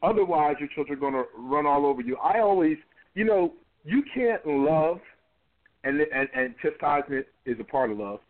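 A man in his forties, a pastor, speaks with conviction, repeating words as he drives his point home. His voice sits a touch high for a man. It comes through a thin, tinny phone line. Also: expressive, moderate pace. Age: 40s. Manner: emphatic, repeats words while building a point. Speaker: pastor and interview guest. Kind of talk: conversational interview.

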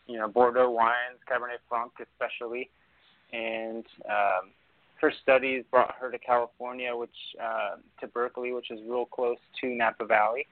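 A man from Argentina, a winemaker guest, telling his story in a relaxed, unhurried way. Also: medium pitch, no echo. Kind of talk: casual interview. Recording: phone-line sound.

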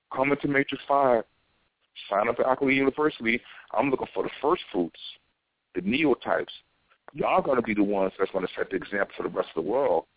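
A thin, phone-like recording of an American man on an impassioned soapbox rant. His pitch swings widely as he preaches and exhorts, hammering phrases again and again in loose street vernacular. The sound is dry, with little room around it. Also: dry recording. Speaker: self-styled spiritual teacher.

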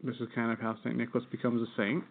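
A man's voice: mid-range voice, flat delivery, rapid-fire, vocal fry. Casting: American guy, podcast co-host, rambling laughing storyteller, thin phone-line sound. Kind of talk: casual chat. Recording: tinny phone-like audio.

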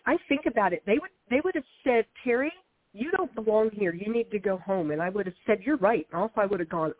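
A woman in her fifties, an author guest, talking frankly and energetically in an interview conversation. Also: medium pitch. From United States (Ohio, North Carolina). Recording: tinny phone line.

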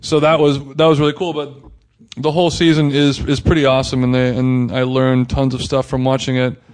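A man's voice: medium pitch, level tone, fairly quick, a little mellow, clean tone. A man co-hosting a podcast in casual chat, rambling and hedging his opinions with lots of fillers. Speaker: podcast co-host.

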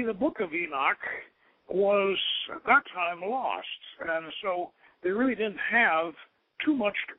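Heard over a thin, phone-like line, this occult radio host speaks on the high side. He meanders and hesitates as he explains things casually, in the manner of a learned storyteller.

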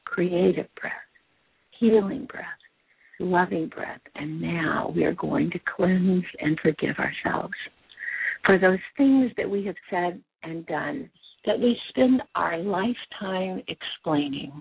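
A woman leads a guided breathwork meditation like a spiritual healer, in a breathy, soothing delivery with deliberate pauses. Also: on the low side. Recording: muffled phone-like sound in an echoey room.

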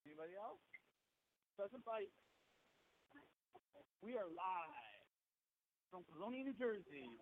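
A woman's voice: fairly low pitch, big pitch swings, takes it slowly, long pauses. A woman teacher in a classroom, speaking casually with the phone held away from her, coaxing students while fumbling with the equipment. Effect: speaking with the phone held away, faint. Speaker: teacher hosting a class radio call. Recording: tinny phone line, distant and quiet.

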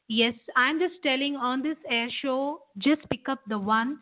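A woman's voice: high voice, unhurried. A woman with an Indian accent explaining as a meditation teacher, repeating phrases for emphasis. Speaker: meditation teacher and guest expert. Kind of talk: explanatory interview talk, guiding meditation. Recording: tinny, narrow phone-line sound.

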